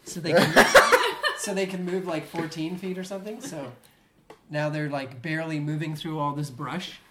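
A game master narrating a tabletop game in a relaxed, chatty way with many fillers. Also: mid-range voice, normal speed. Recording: noisy home recording.

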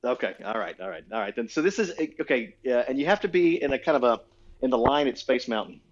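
Lively man on a dull lo-fi mic. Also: mid-range voice, quick pace. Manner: lively, laughs often, many fillers. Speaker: podcast co-host. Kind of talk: casual chat. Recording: lo-fi dull sound.

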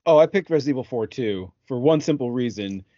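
A man with a very animated, up-and-down voice breaks into a casual chat with quick remarks. The recording is dry and dull, with a lo-fi sound. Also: mid-range voice, no echo. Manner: chimes in with quick comments.

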